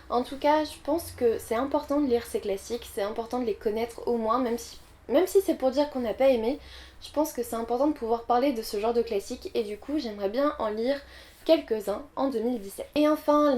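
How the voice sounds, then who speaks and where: A woman's voice: on the high side, mellow. A young woman vlogging about her reading goals, chatty and candid, with frequent fillers. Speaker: book vlogger. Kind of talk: casual vlog talk to camera.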